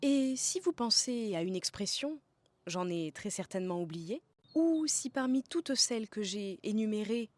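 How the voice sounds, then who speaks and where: A woman's voice: mid-range voice, animated, measured pace. A woman from the south of France, narrating a scripted podcast as host in a playful way, savouring slang words.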